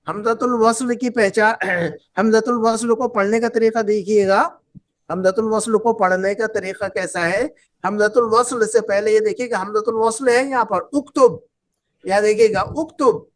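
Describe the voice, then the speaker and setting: Woman teacher drilling a class. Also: a little high. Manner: repetitive, drills students with questions. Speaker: Arabic teacher. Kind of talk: classroom lesson.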